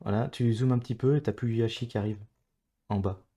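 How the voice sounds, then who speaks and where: A man's voice: mid-range voice, fairly even intonation, fairly quick, mellow. A man with a French accent talking casually with his teammate while playing a geography game, hesitant and full of fillers. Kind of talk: casual gaming chat.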